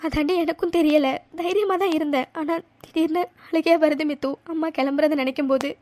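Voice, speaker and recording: High-pitched young bride, voiced by a woman, stammering, cartoon story. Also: quick pace, close to an everyday voice. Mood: tearful. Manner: stammering when caught out. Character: young bride, tearful then flustered.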